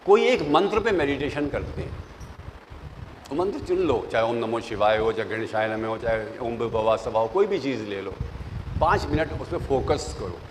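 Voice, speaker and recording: Older guy professor giving interview tips, lively storyteller, echoey hall. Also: mid-range voice, moderate pace. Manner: animated, storytelling, mixes English phrases, acts out quoted voices. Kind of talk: classroom lecture. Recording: long reverb, faint noise.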